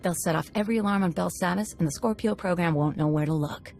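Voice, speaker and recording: A woman gives a fast, vocal-fried, somewhat mellow low-voiced read as a brash female convict slicer in a game scene. Confident and all business, she's backed by soft music.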